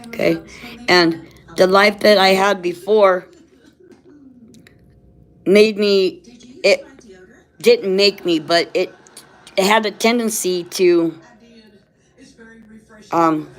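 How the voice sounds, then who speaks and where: A woman's voice: mid-range voice, steady tone, slow pace, long pauses. A woman chatting casually in a rambling way, often checking for agreement, with slightly slurred sibilants from missing teeth. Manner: often ends phrases seeking agreement with "right". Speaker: vlogger.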